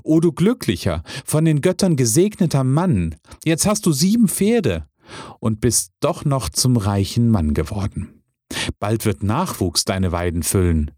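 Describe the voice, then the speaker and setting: A man voicing an excited, fretting village crowd with lamenting, exclamatory speech. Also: on the low side, unhurried, husky, no room sound, studio quality, full character voice. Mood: jubilant.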